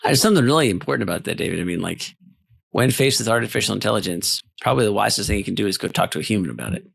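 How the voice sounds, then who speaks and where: A man hosts a casual podcast chat, his words coming quickly in a gravelly voice. He thinks aloud and rambles with fillers. The sound is dry and close. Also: on the low side, lively intonation, no echo. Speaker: podcast co-host.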